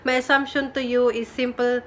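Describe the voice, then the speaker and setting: Filmed on a phone camera in her home in Japan, a young vlogger from the Philippines reads viewer comments in a relaxed, giggly, self-teasing way. She speaks at a moderate pace with a slightly high, level voice, against a noisy background.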